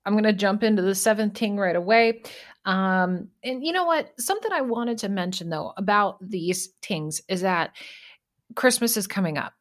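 A woman's voice: mid-range voice, normal speed. Playful blunt woman on a podcast, going down her list of faves. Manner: frank, playful, listing favorite products. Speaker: podcast guest. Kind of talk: casual chat.

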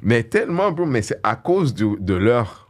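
A man's voice: mid-range voice, very animated, moderate pace. A man with a Quebec accent, a comedian and the host's older brother, talking earnestly as a podcast guest and mixing English phrases into his French. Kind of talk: casual podcast chat.

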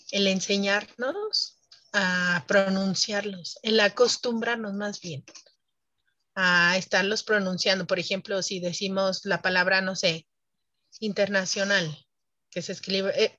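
A woman speaks as a French teacher in an interview, explaining with emphasis and laughing often. Her voice sits at an ordinary pitch. The recording is dry and dull, a little lo-fi. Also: fairly even intonation, takes it slowly, bright, forceful tone, no echo. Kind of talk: interview conversation.

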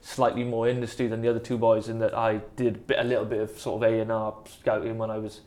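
A man's voice: fairly low pitch, level tone, quick pace, a little mellow. A man from the South Wales Valleys with a Welsh Valleys accent, talking as a musician in a casual interview, rambling and self-deprecating as he tells his story. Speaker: musician and producer in a band, interview guest. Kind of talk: casual conversational anecdote.

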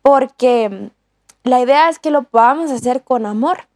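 A woman's voice: high-pitched, measured pace, a little mellow, dry recording, clean studio sound. A woman, co-hosting a talk on discipleship in an earnest, casual way with many restarts and fillers. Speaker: co-host teaching on discipleship.

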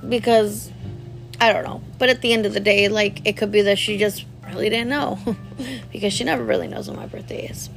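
A woman's voice: mid-range voice, fairly even intonation, brisk, creaky, music in the background. A woman in her thirties telling a personal story to camera, candid and rambling, full of "like" fillers and talking straight to her viewers. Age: 30s. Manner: addresses viewers directly. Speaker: vlogger.

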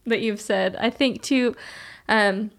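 A woman's voice: medium pitch, steady tone, slow pace. A young woman hosting a podcast, telling stories in a chatty way and using lots of "like" and "you know". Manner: chatty storyteller, many "like" and "you know" fillers. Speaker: podcast host. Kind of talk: casual chat.

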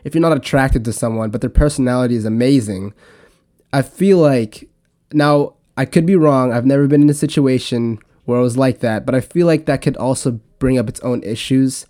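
A young man hosting a casual podcast on his own, talking in a relaxed, rambling way with frequent restarts. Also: medium pitch, normal speed. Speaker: podcast host. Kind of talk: casual solo podcast talk.

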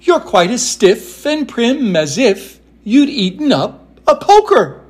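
A man's voice: extremely high pitch, big pitch swings, takes it slowly, pitched above the performer's own voice, heavily acted. A man doing a saucy cracked china clown. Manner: cheeky, teasing, laughing.

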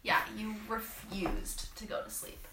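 A woman's voice: mid-range voice, very animated, a little slow. A young woman chatting casually and telling a party story with lots of giggling. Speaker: vlogger. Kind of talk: casual chat. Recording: echoey room with faint noise.

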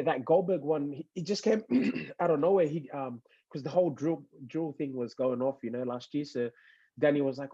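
Laid-back young man, mellow voice. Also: mid-range voice, slightly rough, highs cut off. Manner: laid-back, rambling with many fillers. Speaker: podcast guest. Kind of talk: casual chat.

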